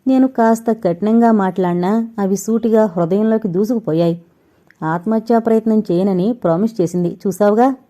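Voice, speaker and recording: A woman's voice: medium pitch, moderate pace, dark tone, natural voice. A woman voicing a stern, sarcastic young man. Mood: explaining. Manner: scolding, sarcastic.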